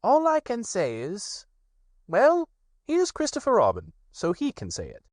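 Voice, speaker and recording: A man voicing a self-important, fussy male rabbit who talks in a brisk, bossy way. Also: sits high, wildly swooping pitch, no room sound, clean studio sound, pitched above the performer's own voice, exaggerated voice.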